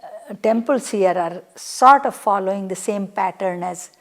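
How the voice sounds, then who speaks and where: A woman's voice: medium pitch, measured pace, fairly bright tone. A woman from Uttar Pradesh with an Indian English accent, talking plainly in a documentary interview. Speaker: temple member.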